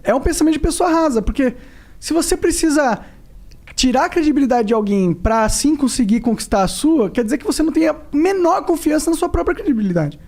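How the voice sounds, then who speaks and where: A Brazilian man hosting a podcast, chiming in with quick, reflective remarks in casual talk. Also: very high voice, animated, a little mellow. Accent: Brazilian Portuguese. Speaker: podcast host.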